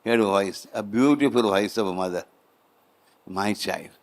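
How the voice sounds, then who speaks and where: A man's voice: on the low side, fast, darkish tone. A man with an Indian accent, a spiritual teacher telling a story in a sermon, repeating phrases for emphasis and slipping into Hindi.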